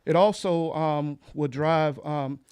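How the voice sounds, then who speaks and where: A man's voice: fairly high pitch, fairly even intonation, slow pace, darkish tone, smooth. A man, a pastor, earnestly addressing a town council meeting, repeating key phrases with some fillers. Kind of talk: public comment at council meeting.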